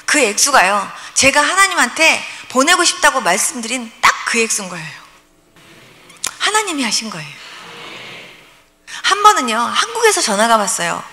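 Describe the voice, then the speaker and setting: Older lady pastor, high bright voice, lively storytelling sermon, big hall echo. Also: normal speed, pauses often. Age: 60s. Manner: lively storytelling, acts out prayers and dialogue. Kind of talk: revival sermon testimony. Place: church revival meeting hall. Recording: long hall reverb.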